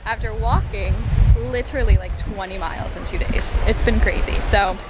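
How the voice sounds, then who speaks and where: A woman's voice: mid-range voice, moderate pace, heavy background noise. A young woman chatting casually into a handheld camera while traveling, laughing often and using many fillers. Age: young adult. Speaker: vlogger. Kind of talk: casual travel vlog chat. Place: outdoors on a coast and in a car. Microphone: camera held at arm's length.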